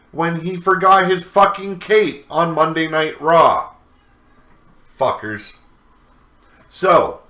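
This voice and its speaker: Slow, profane ranting man in an echoey room. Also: mid-range voice, a bit bright. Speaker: wrestling news host. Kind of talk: ranting news commentary.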